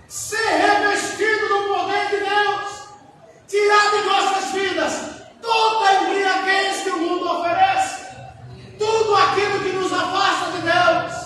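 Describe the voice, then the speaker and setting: A man in his fifties preaches with fervor, his voice very high and bright as he swings from shouted appeals to hushed asides. He is recorded from far off in a big echoing church hall with a long reverb tail. A faint hiss sits under the sound. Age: 50s. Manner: impassioned preaching that swings between shouted calls and quiet asides. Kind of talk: fervent sermon.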